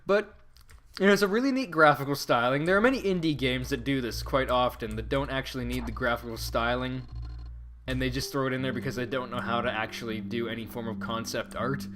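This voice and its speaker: A man's voice: medium pitch, a little fast, fairly bright tone. A man giving casual first-look game commentary in a wry manner, with quaint, old-fashioned turns of phrase. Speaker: gameplay commentator. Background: game music.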